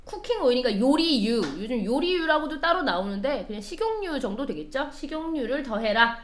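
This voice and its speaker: A woman's voice: high-pitched, expressive, fairly quick. A woman teaching an English lesson, explaining line by line and quizzing her students as she goes. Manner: explains step by step, quizzes the class. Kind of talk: classroom lecture.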